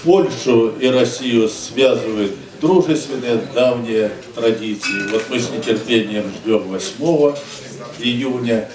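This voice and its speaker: An older man gives a ceremonial address in measured, oratorical phrases. His voice is picked up from a distance in an echoing room with audible crowd noise. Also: medium pitch. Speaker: regional government official. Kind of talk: formal ceremonial speech. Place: large indoor stage at a banquet. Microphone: far camera recording amplified speech. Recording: echoey hall from far off, crowd noise.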